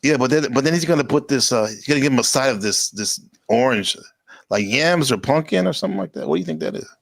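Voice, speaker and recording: A man's voice: mid-range voice, animated, quick pace, vocal fry, no room sound. A man hosting a casual livestream chat, talking in a loose, rambling way and laughing often. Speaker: host.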